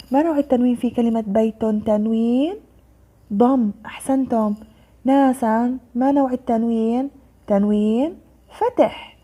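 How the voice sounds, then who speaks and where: A young woman teaching a children's grammar lesson, asking questions and answering them herself in a slow, sing-song way. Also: fairly high pitch, dark tone.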